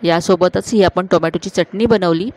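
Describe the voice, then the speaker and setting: A woman hosting a cooking channel, calmly narrating each step of a recipe to viewers in a voice-over. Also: fairly low pitch, moderate pace. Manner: calm, instructive, addressing viewers directly.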